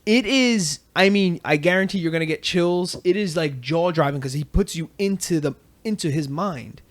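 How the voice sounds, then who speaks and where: A man's voice: on the high side, moderate pace. A man hosting a podcast in casual chat, telling stories with energy and acting out quotes. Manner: animated storyteller, acts out quotes. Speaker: podcast host.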